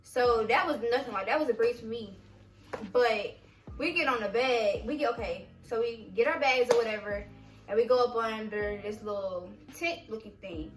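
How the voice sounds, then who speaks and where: A young woman vlogger telling a story in a casual, animated way, full of "like" fillers. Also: fairly high pitch, normal speed. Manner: animated, many "like" fillers, acts out quoted voices. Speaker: vlogger, army veteran recounting basic training. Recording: roomy, distant mic, faint music.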